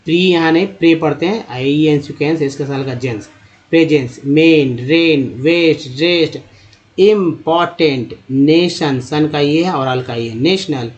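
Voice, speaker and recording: A man teaching English reading in a spoken Hindi phonics lesson. He addresses viewers as friends, spells out letters and sounds out word parts slowly. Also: a little high, dull audio.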